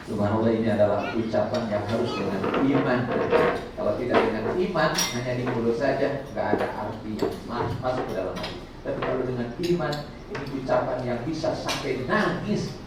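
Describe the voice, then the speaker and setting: A man's voice: medium pitch, a little fast. Preacherly man guiding pilgrims in an echoey hall. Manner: preacherly, tosses questions to the audience. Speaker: umrah pilgrimage guide (ustaz). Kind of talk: religious instruction to pilgrims. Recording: very echoey, distant hall with room noise.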